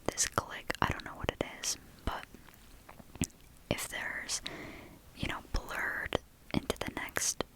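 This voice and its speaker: A woman speaks entirely in a soft, breathy ASMR whisper. She is very close to the microphone. Her delivery is calm and casual, rambling along like an intimate chat from a channel host. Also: low-quality recording.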